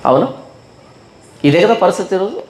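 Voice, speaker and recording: A man's voice: sits high, sing-song, moderate pace, a little mellow. A male pastor preaching a Bible study sermon, firing off rhetorical questions and stretching words for emphasis. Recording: echoey room.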